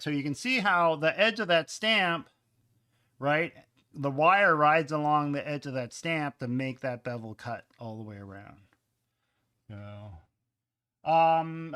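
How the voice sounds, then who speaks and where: A man's voice: on the high side, bright, forceful tone. A man demonstrating pottery in his studio on a live stream, talking in a casual, chatty way with lots of fillers and asides. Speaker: ceramics teacher.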